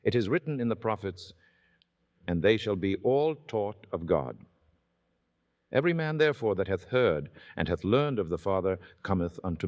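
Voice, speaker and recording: Here a man with a low, darkish voice declaims scripture solemnly, like a dramatic old-time radio reader, over dull audio.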